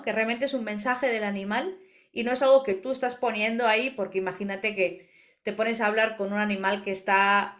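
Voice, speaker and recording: Una mujer con acento de España que conversa en un pódcast y narra anécdotas con viveza. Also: female voice, mid-range voice. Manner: animated storyteller, acts out quoted voices. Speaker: podcast co-host, animal communicator. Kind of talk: casual podcast conversation.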